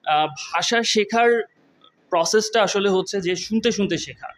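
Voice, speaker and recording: High-voiced man teaching English exam tips. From Bangladesh. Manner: relaxed explaining, reads English slowly. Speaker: IELTS teacher. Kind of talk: casual video lesson.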